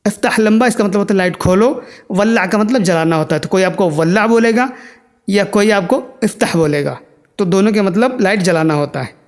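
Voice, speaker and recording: A man teaching Arabic words in a language lesson, saying each one slowly and repeating it. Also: high-pitched. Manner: drills words by slow repetition.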